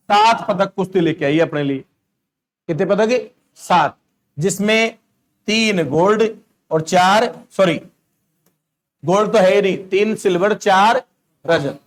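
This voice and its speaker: A male coaching teacher with a Rajasthani Hindi accent giving an exam-prep lecture, asking the class questions, answering them himself and repeating names slowly for dictation. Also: high voice.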